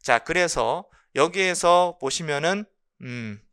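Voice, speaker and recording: A man's voice: fairly high pitch, expressive, slow pace, fairly bright tone, clean tone. A middle-aged man lecturing on English phonology for exam prep, mixing English terms into his speech and answering his own rhetorical questions. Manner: explanatory, asks rhetorical questions and answers them; mixes English terms into Korean.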